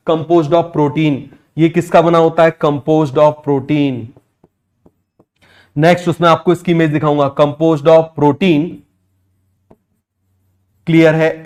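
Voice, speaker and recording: तेज़ बोलने वाला पुरुष शिक्षक, ऊँची आवाज़. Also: male voice, fairly high pitch, darkish tone. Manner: rapid, drilling questions, repeats answers slowly. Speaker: biology teacher. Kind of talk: fast exam-prep lecture.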